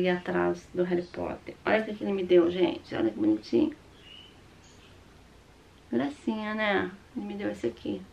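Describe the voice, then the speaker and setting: A middle-aged Brazilian woman talks casually to her camera as she shows off things she bought. Her voice is throaty and slightly hoarse from a sore throat, with a gravelly creak. There is faint noise in the recording. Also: mid-range voice, lo-fi sound. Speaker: vlogger. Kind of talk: casual chat showing purchases to camera. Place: small room at home, indoors.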